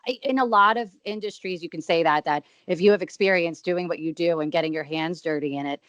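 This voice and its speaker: A woman's voice: fairly low pitch, fairly quick, fairly bright tone, no echo. A woman interviewing in a casual, conversational way, effusive and repeating words for emphasis. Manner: effusive, stressing words by repetition.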